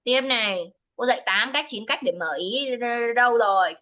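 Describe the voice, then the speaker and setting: Bright-voiced woman teacher giving firm feedback. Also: on the high side, expressive, moderate pace, low-quality recording. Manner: switches between English and Vietnamese, corrective and insistent. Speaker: English speaking teacher. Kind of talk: one-to-one speaking test feedback.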